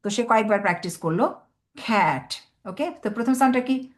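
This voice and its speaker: A woman teacher hosting an online webinar for parents, explaining patiently step by step and sounding out words slowly. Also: fairly high pitch, lively intonation.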